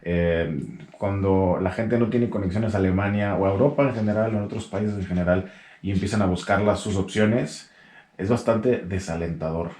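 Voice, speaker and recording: A young Mexican man with a Mexican Spanish accent, hosting a casual chat in a relaxed, joking way full of slang. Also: deep voice, moderate pace, roomy sound. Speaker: podcast host.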